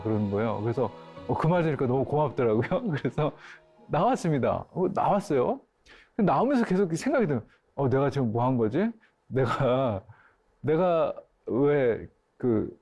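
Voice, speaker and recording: Animated Korean pastor telling a story. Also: male voice, mid-range voice. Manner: animated, acts out dialogue in his story. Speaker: pastor and grief counselor. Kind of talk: storytelling lecture.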